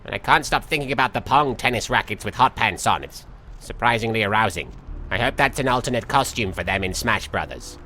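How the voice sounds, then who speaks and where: Marik Ishtar, a whiny flamboyant cartoon villain. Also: male voice, on the low side, lively intonation, a little fast, pushed and bright, a little hiss or hum. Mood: goofy bragging. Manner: whiny, theatrical, rambling absurd asides. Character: flamboyant young male cartoon villain, silly and self-absorbed. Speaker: in-character let's play host. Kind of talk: comedic video game commentary in character.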